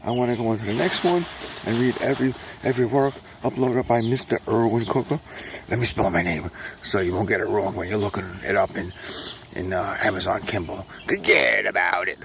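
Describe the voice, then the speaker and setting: An older man from Brooklyn rambling casually on a morning dog walk, pitching his own books with self-mocking salesman patter and a repeated catchphrase. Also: brisk, background noise. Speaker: self-published author promoting his books. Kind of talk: casual rambling vlog while walking a dog.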